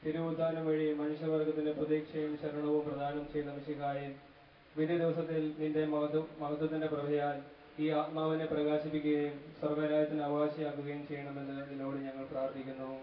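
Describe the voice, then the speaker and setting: A man leading funeral prayers, reciting steady chanted intercessions. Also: a little high, a little fast. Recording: distant, echoey, dull recording with faint noise.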